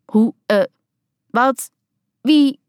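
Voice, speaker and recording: A woman's voice: a little high, expressive, normal speed, darkish tone, no echo, clean studio sound, voice pushed up, close to an everyday voice. A woman voicing a harried grown mother on a farm, calling out urgent, exasperated instructions while fixing an old van. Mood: flustered. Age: adult.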